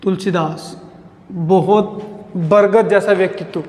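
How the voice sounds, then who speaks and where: A man with a high-pitched voice teaches exam-prep grammar in a lecture style. He asks his students questions, answers them himself, and drags out key words to drive them home. The recording rings with long room reverb. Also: fairly even intonation, darkish tone. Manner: repeats key phrases slowly for emphasis, asks and answers own questions.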